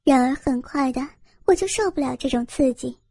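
A woman narrating a first-person story in a steady, intimate reading voice. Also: high voice, normal speed, slightly rough, no echo, studio quality.

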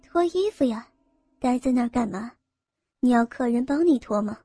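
A woman's voice: on the high side, expressive, moderate pace, dark tone, husky, dry recording, clean studio sound. A woman voicing a cold, sneering female sales manager of about forty, speaking in a mocking, scolding way.

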